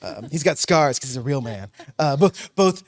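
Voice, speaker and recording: A man's voice: medium pitch, normal speed. A man co-hosting a casual podcast chat in a tavern, joking and swearing freely. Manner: jokey, animated, swears freely. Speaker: podcast co-host.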